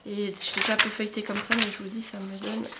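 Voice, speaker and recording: A young woman vlogging about her book gifts in a chatty, enthusiastic way, often pausing on "euh" and laughing a little, recorded at home on a camcorder microphone. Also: medium pitch, flat delivery, heavy background noise. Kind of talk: casual book haul chat to camera.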